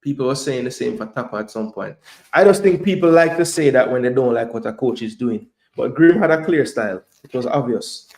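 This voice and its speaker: A man's voice: medium pitch, a little mellow. A man breaks down football tactics on his live stream, hammering his points home by repeating them. His voice sits in a middle range. The sound carries the echo of the room around him. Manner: passionate, emphatic, repeats points. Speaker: host of a live football show. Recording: echoey room.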